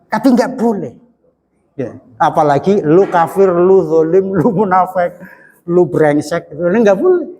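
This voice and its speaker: Folksy older preacher in an echoing hall. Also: male voice, high-pitched, lively intonation, unhurried, a little mellow. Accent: Indonesian, Javanese Banyumas. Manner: folksy, joking, acts out quoted dialogue. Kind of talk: religious study talk. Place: mosque study hall. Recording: long hall reverb.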